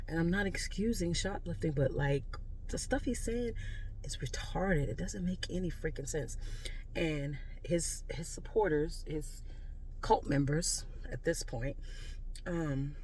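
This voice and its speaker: An American vlogger talks bluntly over some background noise, in a mid-pitched voice. The delivery is a casual, off-the-cuff political rant, exasperated and emphatic. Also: a little mellow, poor audio. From United States. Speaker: video creator giving political commentary.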